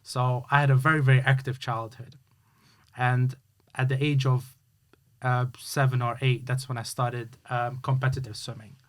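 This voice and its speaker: Chatting casually as an interview guest, a youth sports coach from Hungary, a native Hungarian speaker, recounts his story at normal speed. His mid-pitched delivery is flat and earnest, broken by frequent halts, fillers and restarts.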